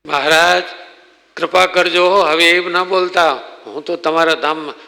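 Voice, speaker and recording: A preacher voicing a pleading devout village wife. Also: male voice, on the high side, fairly even intonation, a little slow, vocal fry, pushed and bright, voice pushed up, heavily acted. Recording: long reverb in a temple hall.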